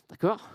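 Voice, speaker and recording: A man from France giving an informal conference presentation, chatty, with asides and questions to the audience. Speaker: conference speaker.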